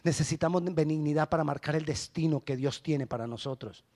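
A middle-aged male pastor preaching a sermon, lively and emphatic, acting out the church members he quotes. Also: on the high side, fairly quick. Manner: animated preaching, rising to loud emphatic peaks.

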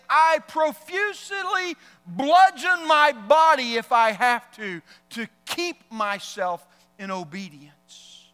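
Loud, sharp, high-voiced male preacher. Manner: loud, sharp, yelling delivery; emphatic, exhortative, repeating key phrases for stress. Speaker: pastor preaching. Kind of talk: sermon. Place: large hall, preaching to a congregation. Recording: reverberant large hall.

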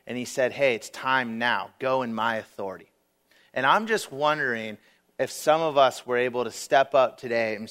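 A man's voice: mid-range voice, fairly bright tone. Earnest conversational guest preacher, man. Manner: earnest, conversational, with fillers and quoted prayers. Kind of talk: sermon.

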